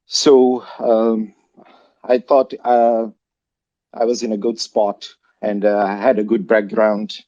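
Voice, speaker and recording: A man from Hungary speaks slowly in a livestream chat, stopping often on fillers and restarting his sentences. His voice is mellow, and the sound is a little dull and lo-fi. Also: fairly low pitch. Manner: halting, many fillers and restarts. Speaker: project founder. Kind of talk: casual livestream talk.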